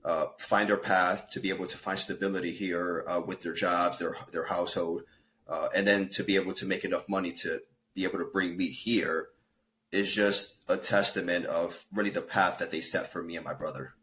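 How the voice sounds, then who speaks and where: This podcast guest is a fitness and life coach in his thirties who was born in Peru and grew up in the States. He speaks at a normal speed in a low, bright, forceful voice with fairly even intonation. In a casual interview, he earnestly recounts his story, using fillers and correcting himself.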